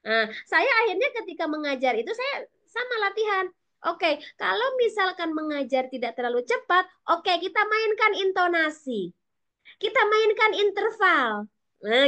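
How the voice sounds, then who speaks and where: A woman from West Java with a Sundanese-tinged accent. She gives a lively webinar lecture to teachers, talking fast and animated and addressing her listeners directly over a video call mic. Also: high-pitched. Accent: Sundanese-influenced Indonesian. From West Java, Indonesia (Sundanese). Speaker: teacher educator speaking at a webinar.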